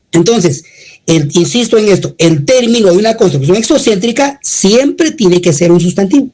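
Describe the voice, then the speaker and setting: A woman teaching a grammar class, explaining step by step in short phrases and pausing to check the listeners follow. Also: mid-range voice, warm tone, slightly rough, low-quality recording. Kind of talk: classroom lecture.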